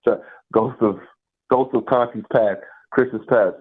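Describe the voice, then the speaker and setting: A man's voice: medium pitch, fairly even intonation, takes it slowly, husky. A man calling in to a sports radio show over a phone line, venting in a casual, emphatic way. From Nashville area, US South. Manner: emphatic, frustrated fan venting. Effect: caller heard over a phone line. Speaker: call-in radio caller. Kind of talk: casual call-in sports talk.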